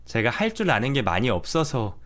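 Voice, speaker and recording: A man's voice: medium pitch, sing-song, a little fast, a bit bright. A man voicing a young pregnant daughter-in-law in a radio drama story, polite but unyielding. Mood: calm firm.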